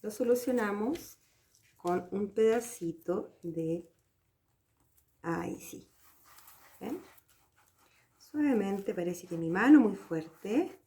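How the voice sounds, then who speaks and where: In a mellow, medium-pitched voice with lively intonation, a Chilean woman teaches a hands-on craft tutorial, moving slowly and pausing often. She patiently guides viewers through the project step by step and checks that they're keeping up.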